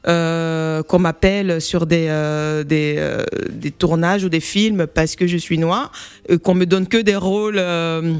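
A woman actress telling her story in a casual interview, lively and quick to laugh. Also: low voice, smooth, dry recording. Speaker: actress guest.

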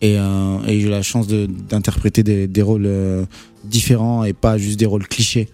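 A man actor in an interview, earnest and halting, often restarting his sentences. His voice is low and mellow. Faint music plays underneath. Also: little pitch movement. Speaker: actor guest. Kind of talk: casual interview talk.

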